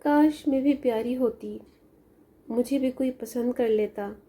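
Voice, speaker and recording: A woman voicing a sad, lonely young woman who pleads softly as she grieves for her mother in a storybook tale. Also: fairly high pitch, measured pace, lightly acted. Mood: sorrowful. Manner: plaintive, pleading.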